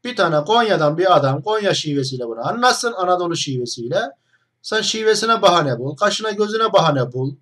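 A man's voice: sits high, lively intonation, a little fast, fairly bright tone. A young man hosting an online video, talking straight to the camera in a mocking, combative monologue full of rhetorical questions.

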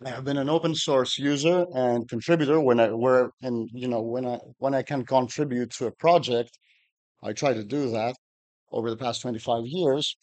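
A man's voice: medium pitch, fairly even intonation, moderate pace, darkish tone. A middle-aged man from Greece, giving a technical conference talk at a podium with dry humor and frequent fillers. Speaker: conference speaker.

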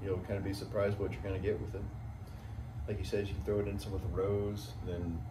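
A man's voice: fairly low pitch, flat delivery, fairly quick. A man in his thirties chatting in an easygoing, agreeable way as he co-hosts a casual review. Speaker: co-host of a product review. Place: small indoor room, seated. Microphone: camera a few feet away. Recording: roomy, distant mic, noisy background.

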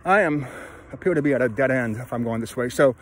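A man in his thirties walking outdoors, talking to a phone held at arm's length in a halting, self-deprecating way, sweaty from hiking. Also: medium pitch. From California, USA. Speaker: travel vlogger. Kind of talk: rambling walk-and-talk vlog. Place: outdoors on open hills.

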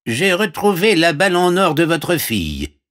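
A man's voice: on the high side, wildly swooping pitch, moderate pace, fairly bright tone, pitched above the performer's own voice. A man voicing a small warty green frog, polite but insistent, in a storybook reading.

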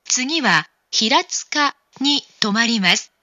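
A woman making formal, scripted train station announcements in a measured, carefully enunciated way. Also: fairly high pitch, lively intonation, pushed and bright, no echo, muffled recording.

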